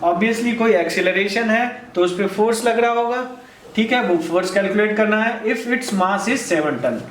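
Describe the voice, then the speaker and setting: A male physics teacher giving a lesson at a board, asking questions and answering them himself, repeating key steps and reading problem text slowly word by word. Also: high-pitched, slight background noise. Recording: echoey room, somewhat far from mic.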